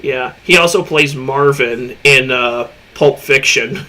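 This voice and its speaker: A man co-hosting a casual livestream over a headset mic, easygoing and quick to laugh between remarks. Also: mid-range voice, bright, forceful tone, low-quality recording. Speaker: streamer co-host.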